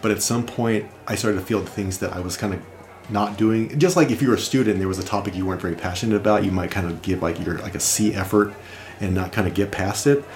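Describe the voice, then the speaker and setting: A man's voice: lowish voice, fast talker, a little mellow. A man talking casually as an interview guest, reflective and rambling with restarts. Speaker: guest designer. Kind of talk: casual conversation.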